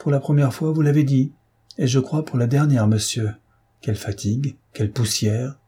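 A man's voice: mid-range voice, steady tone, moderate pace, warm tone, slightly rough, pitched above the performer's own voice. A man voicing a tired young woman at a masked ball, speaking plaintively. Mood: weary.

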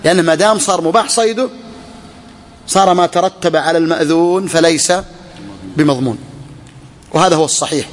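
Man, religious scholar, lecture, repeats phrases, raised pitch, reverberant hall. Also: fairly quick, long pauses. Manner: repeats key phrases, asks and answers questions. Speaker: Islamic scholar teaching a fiqh text. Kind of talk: classroom lecture on a text.

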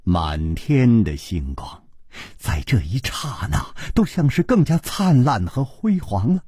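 Man, storyteller, dramatic drawn-out phrasing, husky, dry close sound. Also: medium pitch, sing-song, mellow, no echo. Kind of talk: traditional storytelling narration.

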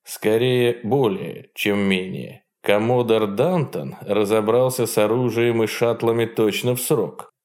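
A man's voice: fairly low pitch, a little slow, few pauses, darkish tone. A man reading as a dry, paranoid political leader. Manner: dry, faintly ironic tone.

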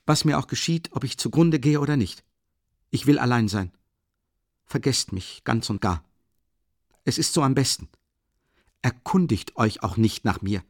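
Brooding pale young man, read by a male narrator, lively pitch, dry close sound. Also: moderate pace, long pauses, dry recording. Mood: anguished.

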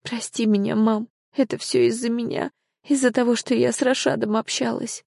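A woman voicing a defiant, tearful young bride in an audiobook, pleading in a high, strained voice. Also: normal speed, a little mellow, dry recording, clean studio sound, lightly acted. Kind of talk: audiobook character voice.

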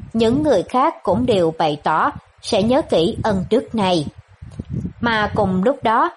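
A woman reads an audiobook at an ordinary middle pitch, with a steady, even storytelling delivery. There is a faint hiss behind her voice. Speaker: audiobook narrator. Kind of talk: scripted narration.

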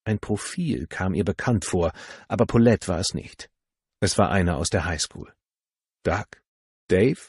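A man narrating an audiobook in a calm, measured reading. His voice sits very low with a gravelly, husky edge, and the recording is close and dry. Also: no room sound. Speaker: audiobook reader. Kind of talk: scripted novel narration.

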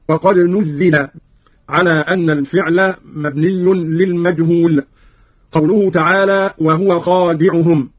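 A man giving a formal, scripted explanation of recitation variants as a radio presenter, in measured, precise delivery. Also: sits high. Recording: muffled, dry old radio recording.

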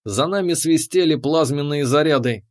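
A man's voice: on the high side, moderate pace. A man reading a first-person science fiction audiobook as narrator.

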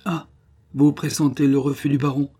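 A man voicing a refined young noblewoman who gently teases her brother, in a storybook reading. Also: a little high, little pitch movement, normal speed, slightly rough, pitched above the performer's own voice. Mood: lively. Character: young noblewoman, teasing and lively.

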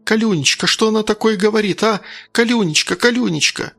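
A male narrator performs a shrieking, hysterical middle-aged mother with a high, grating voice. Her shrill cries have a gravelly edge, with faint music behind them. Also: brisk, bright, forceful tone, heavily acted.

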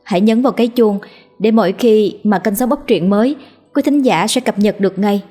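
A woman narrating a ghost story audiobook with calm, even delivery. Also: mid-range voice, a little fast.

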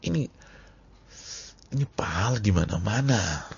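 Gravelly low-voiced preacher. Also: male voice, a little slow. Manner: animated, casual slang, swings loud to soft. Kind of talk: sermon. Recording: dull lo-fi audio recording.

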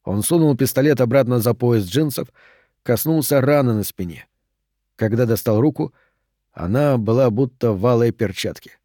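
A man reading a novel aloud in a measured, even storytelling manner. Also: mid-range voice, no room sound, clean studio sound. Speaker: audiobook reader. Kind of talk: scripted audiobook narration.

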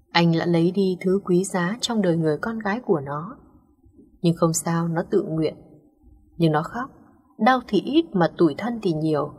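Female audiobook narrator, husky and low, steady dramatic read. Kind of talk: scripted story narration.

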